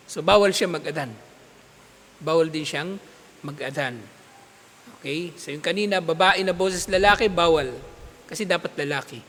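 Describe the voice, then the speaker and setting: A man teaching an Islamic studies class, explaining patiently, checking with his students and reciting Arabic text in quick bursts. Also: high voice, a bit bright, big-room sound. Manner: explains patiently, checks understanding with repeated "okay?". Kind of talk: classroom lecture.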